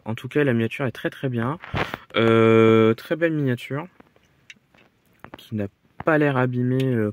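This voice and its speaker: A man vlogging about his flea market finds in a halting, casual way, full of fillers and repeated words. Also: mid-range voice, darkish tone, slight background noise. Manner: halting, filler-heavy, repeats "très, très" and "voilà". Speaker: vlogger showing model car finds. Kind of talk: casual vlog commentary. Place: flea markets and indoors at home.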